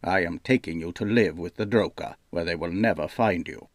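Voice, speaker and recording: A man narrating an audiobook, voicing a solemn, secretive male protector in a low, slow, hushed delivery. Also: no room sound, studio quality, close to an everyday voice. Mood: grave urgent. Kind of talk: audiobook character voice.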